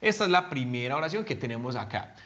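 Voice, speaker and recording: A man's voice: medium pitch, expressive, fast talker, bright, forceful tone, muffled recording. Man teaching English grammar. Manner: switches between Spanish and English, patient explanations; checks in often with the class. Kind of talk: recorded online grammar lesson.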